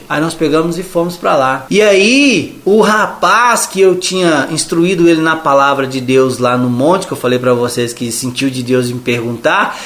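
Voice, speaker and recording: A Brazilian-accented man with a notably high voice tells a religious testimony. He speaks casually and acts out both sides of the conversations he recounts. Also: fairly bright tone. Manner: chatty retelling, acting out the dialogue. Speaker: evangelical believer giving testimony. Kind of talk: testimony storytelling.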